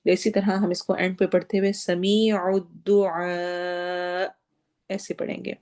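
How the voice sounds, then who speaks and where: A woman teaching Quran recitation. She explains patiently step by step and draws out each word slowly when she demonstrates it. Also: mid-range voice, level tone, a little mellow.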